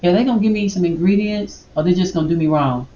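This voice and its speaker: A middle-aged woman, chatting casually to her viewers as she browses and reacts out loud. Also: on the low side, quick pace, highs cut off, a little hiss or hum. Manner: animated, exclaims and talks to viewers as y'all. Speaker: vlogger. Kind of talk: casual vlog commentary while browsing online. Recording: echoey room with faint music.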